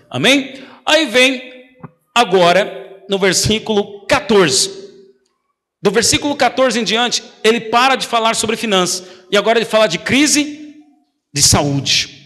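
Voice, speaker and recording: A man's voice: high-pitched, bright, forceful tone, big-room sound. A male pastor preaching a sermon, emphatic and repeating key phrases, calling for responses from the congregation.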